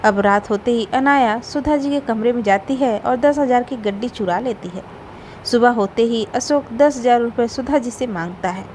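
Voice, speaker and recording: A woman's voice: a little high, normal speed, slight background noise, rough recording. Woman narrating a family storybook. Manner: steady storybook reading.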